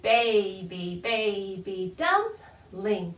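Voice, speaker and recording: A woman with a medium-pitched, sing-song voice draws out her words as she leads a children's storytime. She speaks to babies and their parents simply, playfully and encouragingly. The recorded virtual session takes place in an indoor room, and the far-off mic picks up plenty of echo.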